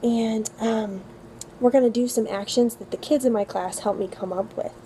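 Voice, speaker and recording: Woman tutor, casual lesson-plan talk, upbeat and chatty, mellow tone. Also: a little high, fairly even intonation, moderate pace, slight background noise, poor audio. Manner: chatty, upbeat, many ums. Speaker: homeschool co-op tutor.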